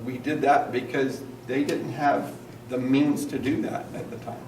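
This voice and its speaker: A man's voice: mid-range voice, fairly even intonation, a little slow. Guy pastor preaching, earnest, mic kinda far off, roomy church sound. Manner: earnest, calls the congregation to repeat lines. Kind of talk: sermon. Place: church hall. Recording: echoey room, mic at a distance, faint noise.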